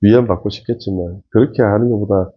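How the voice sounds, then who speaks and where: A man's voice: on the low side, fairly even intonation, fast, breathy edge, muffled recording. A man giving casual commentary on a TV show, emphatic and talking straight to viewers. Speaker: face-reading commentator.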